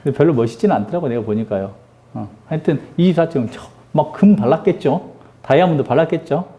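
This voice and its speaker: A man's voice: fairly high pitch, lively intonation, quick pace, warm tone. A middle-aged man teaching an English grammar lesson, joking and teasing his students with constant rhetorical questions. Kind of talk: lively classroom lecture.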